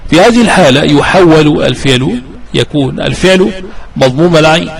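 A male grammar teacher giving a formal lecture. He draws out example verb forms slowly, repeats key rules, and asks rhetorical questions that he then answers himself. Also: on the high side, lively intonation, creaky, rough recording. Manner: slow, deliberate drawing-out of example verb forms. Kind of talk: explanatory lecture on classical grammar.

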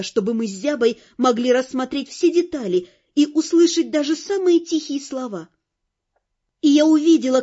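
High, mellow woman's voice reading an audiobook with wry expression. The sound is dull and lo-fi, and her narration stays scripted throughout.

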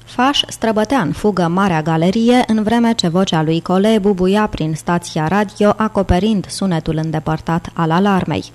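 A woman reading a thriller audiobook aloud in a steady, dramatic narration. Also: medium pitch, few pauses. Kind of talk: scripted narration.

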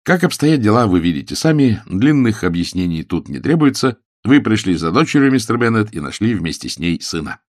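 A man's voice: fairly low pitch, very animated, fairly quick, hardly any pauses, no room sound, studio quality. A man voicing a self-assured young suitor who speaks glibly and cheerfully, in an audiobook reading. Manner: glib, cheerful, eloquent.

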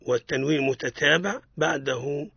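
A man with a Tunisian Arabic accent teaching the rules of Quran recitation on the radio, explaining each rule, quizzing his student and chanting verses slowly. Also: a little high, creaky, fairly bright tone, breathy edge, lo-fi sound.

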